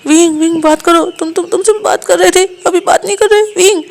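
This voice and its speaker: A woman's voice: very high-pitched, a little fast, gravelly, pitched above the performer's own voice. A woman voicing a clingy, tearful young man who stammers and pleads with his lover. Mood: pleading.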